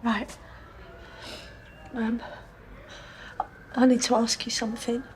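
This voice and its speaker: A woman's voice: fairly high pitch, level tone, takes it slowly, a little hiss or hum. A tearful pregnant woman in custody. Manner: pleading, anxious. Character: frightened pregnant woman held for murder. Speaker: murder suspect in custody.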